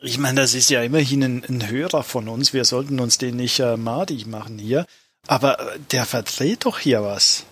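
A man hosting a comedic panel show, questioning the guest in a brisk, mock-strict way. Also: mid-range voice, fairly bright tone, slightly rough. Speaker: host.

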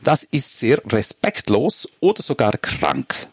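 A man, talking calmly as a guest on a comedic panel show. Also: mid-range voice, slow pace, breathy edge, no echo, clean studio sound. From Switzerland. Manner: relaxed, reads a letter aloud.

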